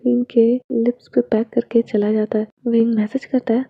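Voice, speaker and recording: A woman's voice: fairly high pitch, level tone, moderate pace, vocal fry, no echo. A woman reads a romance fan fiction story aloud and voices every character herself, with little change between narration and dialogue. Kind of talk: reading a romance story aloud, doing all parts. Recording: dull lo-fi home recording.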